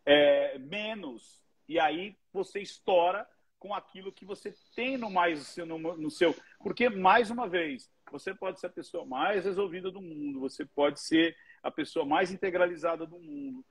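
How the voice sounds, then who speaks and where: A man tells stories with lively energy and swears casually. His voice sits higher than most men's and has a husky edge. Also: a little slow. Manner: animated storytelling, swears freely. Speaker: guest, oratory teacher. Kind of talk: casual commentary chat.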